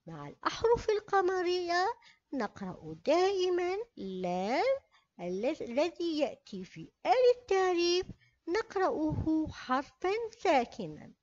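A woman teaching a children's reading lesson, reading slowly and carefully and drawing out each word. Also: very high-pitched, very animated. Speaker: primary school teacher. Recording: dull lo-fi recording.

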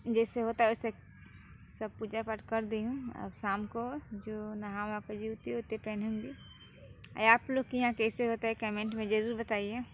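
A woman narrates her daily chores in a rural yard, chatting straight to her viewers. Her voice sits a little high, and she keeps pointing things out as she moves around. The phone recording is outdoors and carries plenty of background noise. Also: flat delivery, unhurried. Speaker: vlogger. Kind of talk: casual daily-life vlog narration. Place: rural home yard outdoors during rainy season.

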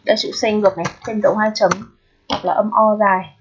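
A woman teaching an English pronunciation lesson. She explains patiently and keeps checking in with her students through quick questions. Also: medium pitch, level tone, slight background noise. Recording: dull lo-fi recording.

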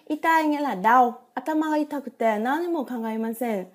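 A female Japanese teacher speaks in a high register at a moderate pace. During a vocabulary lesson she reads each example sentence, then patiently unpacks it with rhetorical questions to check comprehension.

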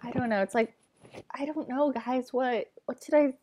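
A woman's voice: high-pitched, moderate pace, a little mellow. A young woman talking casually to her webcam in a small bedroom, reacting to a song with hesitant, rambling remarks and sighs. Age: young adult. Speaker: reaction vlogger. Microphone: laptop webcam mic.

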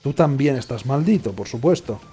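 Sarcastic, mellow-voiced gamer. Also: male voice, medium pitch, animated, moderate pace, breathy edge. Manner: sarcastic, rambling, mutters to himself. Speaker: gaming streamer. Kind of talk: casual let's play commentary. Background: faint game music.

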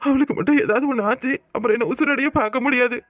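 A frantic cartoon husband played by a woman demands to see his wife, loud and insistent. He speaks with a southern Tamil Nadu accent in a slightly high voice. The sound is close and dry. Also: fast talker, dry recording, lightly acted. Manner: shouting, insistent. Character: distraught young husband, loud and pushy.

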